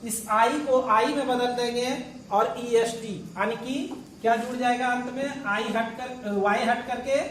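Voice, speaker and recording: A male teacher talks through a grammar lesson at an unhurried pace, throwing out questions and then answering them himself. He repeats each word patiently, one step at a time. His voice comes from a few steps off the mic in a roomy, echoing classroom with a faint hiss underneath. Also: very high voice, steady tone, a bit bright. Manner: repeats and spells out words patiently. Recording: echoey room, voice from far off.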